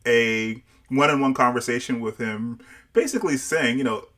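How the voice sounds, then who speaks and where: A man's voice: medium pitch, moderate pace, bright, forceful tone. A man with family roots in Barbados, co-hosting a casual show review over a livestream. He talks with many restarts and repeated words. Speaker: show co-host.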